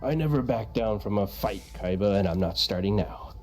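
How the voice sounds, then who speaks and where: A man's voice: fairly low pitch, animated, moderate pace, music in the background, pitched below the performer's own voice, close to an everyday voice. A man voicing a commanding young male duelist who speaks in solemn, declarative lines. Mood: defiant.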